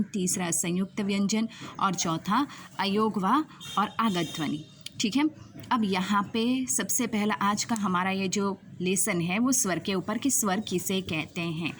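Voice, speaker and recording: A woman teaching a grammar lesson to students, asking questions and slowly repeating each key definition. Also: mid-range voice, steady tone, a little hiss or hum.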